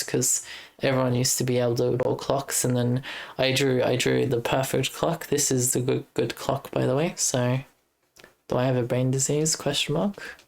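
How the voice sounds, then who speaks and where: An Australian woman on a livestream, with an extremely low voice full of gravelly fry. She talks slowly and flatly, rambling, reading chat messages aloud and answering them. She sounds like casual streamer chatter.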